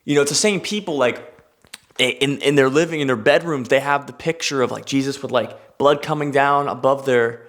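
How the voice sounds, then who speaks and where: A man's voice: medium pitch, a little fast. A young man hosting a comedy show, ranting in a stand-up style monologue, cursing freely and slipping into mock voices. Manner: animated, swearing, jumps into mock voices.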